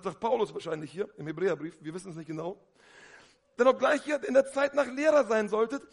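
A man with a high voice preaches a lively sermon. He talks straight to his congregation, asks questions and often calls out hallelujah.

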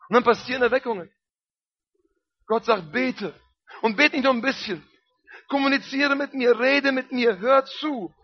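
A man's voice: very high-pitched, muffled recording. A man preaching a sermon with emphasis, repeating phrases and calling out hallelujah and amen.

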